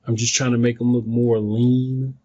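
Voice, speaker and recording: A man with a mid-pitched voice walks through software in an informal way, thinking aloud as he goes. The sound is dull and lo-fi, picked up by a phone placed away from him. He rambles casually like someone presenting a homemade tutorial. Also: little pitch movement, moderate pace. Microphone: phone, some distance away. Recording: dull phone recording, distant from mic.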